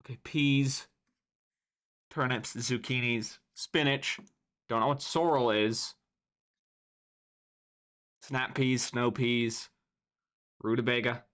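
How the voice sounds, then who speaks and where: A man's voice: mid-range voice, fairly even intonation, slow pace, long pauses, fairly bright tone. A young man livestreaming, ranting casually and profanely as he rates a list.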